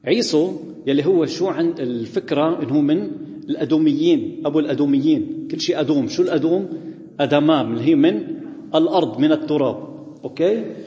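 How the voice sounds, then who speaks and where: A man with a Lebanese Arabic accent preaching a Bible study sermon, animated and firing rhetorical questions at his listeners. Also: on the high side. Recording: long hall reverb.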